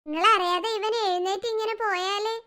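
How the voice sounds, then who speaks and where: The ghost child's mother explains things in a calm, matter-of-fact way, played by a woman. Her voice is very high and bright, like a cartoon mother. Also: a little fast. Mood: explaining. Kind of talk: cartoon voice acting.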